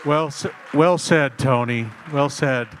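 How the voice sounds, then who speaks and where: A man's voice: mid-range voice, slow, some chatter behind, a little hiss or hum. A man working as an auctioneer, talking to a room and calling bids live. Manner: repetitive, clipped bid calls.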